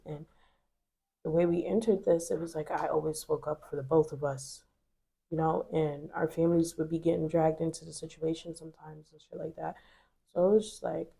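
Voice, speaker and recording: Low-pitched, gravelly and mellow, a woman's voice carries this casual story told to camera. She's a twenty-something vlogger with a cold, speaking candidly to her viewers and leaning heavily on fillers.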